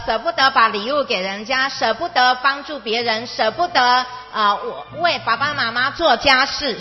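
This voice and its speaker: A woman with a high voice teaches young children as a storyteller would, in simple, emphatic phrases full of questions and repetition. The sound is reverberant and slightly dull, as in a big hall, with music behind her. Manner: simple, question-and-answer talk as to small children; emphatic, repeats key words. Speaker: Buddhist teacher (dharma master) of a children's class.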